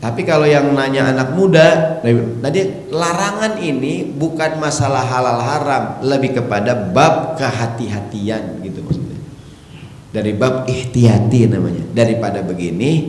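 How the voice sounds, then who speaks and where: A man giving a humorous sermon, joking with the congregation and acting out voices. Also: lowish voice. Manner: joking, lively, acts out voices. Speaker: preacher. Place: mosque hall. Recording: echoey hall, faint background noise.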